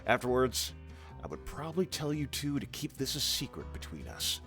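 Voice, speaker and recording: A man voicing a calm, quietly knowing pizzeria owner in a fan animation, with an understated manner. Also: medium pitch, normal speed, vocal fry, soft background music.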